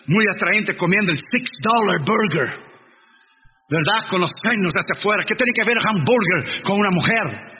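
High-voiced preacher in a reverberant church. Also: male voice. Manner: blunt, earnest preaching with English phrases mixed in. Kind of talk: sermon. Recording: dull reverberant church recording, faint noise.

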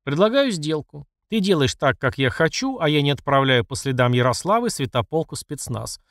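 A man's voice: a little high, expressive, moderate pace, a bit bright, no echo, studio quality. A man voicing a furious middle-aged emperor who scolds and accuses his mother. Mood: angry. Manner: angry and accusing.

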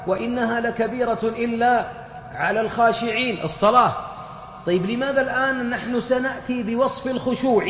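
Male religious teacher, very high voice, explanatory lecture, recorded muffled in a long-echo hall. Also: a little hiss or hum. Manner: explanatory, with lively everyday examples.

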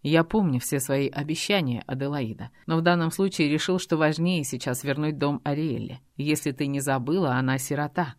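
A woman's voice: low voice, normal speed, few pauses, darkish tone, no room sound, clean studio sound, natural voice. A woman voicing a stern young man who speaks curtly and firmly, in an audiobook reading. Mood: cold, firm. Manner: curt, firm, commanding. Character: stern, cold young man, a dragon shifter. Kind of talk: audiobook character voice.

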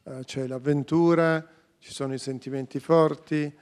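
A man's voice: a little high, steady tone, normal speed, darkish tone, clear, resonant tone. A man as a radio interview guest, answering earnestly and listing his points one after another. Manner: earnest, lists ideas in a row.

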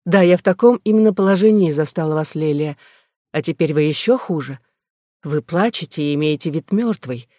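Reader doing a courtesan sister, proud, scolding, lecturing, middle pitch, dry close sound, audiobook. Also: a little mellow, no echo, lightly acted. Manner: lecturing, reproachful. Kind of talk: audiobook reading.

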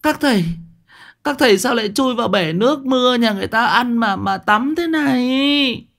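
A man's voice: very high-pitched, animated, normal speed, vocal fry, a bit bright, voice pushed up, exaggerated voice. A man voicing an indignant older village woman, scolding shrilly. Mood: outraged.

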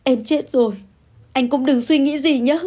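A woman voicing a shrill, tearful young mistress. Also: normal speed, natural voice. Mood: tearful wailing. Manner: shouting, wailing, pleading.

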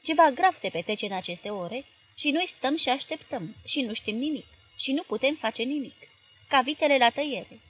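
A woman voicing an indignant middle-aged male newspaper owner who fires off sharp, exasperated questions in a raised, forceful reading voice. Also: high-pitched, animated, dull audio, voice pushed up.

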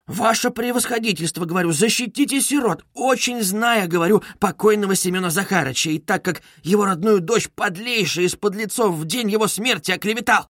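A man's voice: a little fast, hardly any pauses, a bit bright, no room sound, clean studio sound. A man reading aloud and voicing a proud, frantic middle-aged widow who wails and scolds. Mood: haughty pleading. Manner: shrill, wailing, haughty.

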